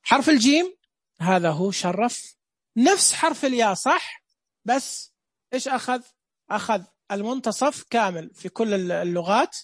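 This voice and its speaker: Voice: medium pitch, husky, no room sound, clean studio sound. Playful teacher. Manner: playful, jokes with viewers, repeats counts. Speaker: Braille teacher. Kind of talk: casual live online lesson.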